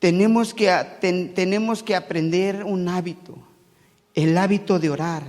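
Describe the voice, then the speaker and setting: A man from Mexico City with a Mexico City Spanish accent, preaching a sermon and moving between loud preaching and quiet conversational asides. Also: high-pitched, steady tone, unhurried, big-room sound. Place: church hall.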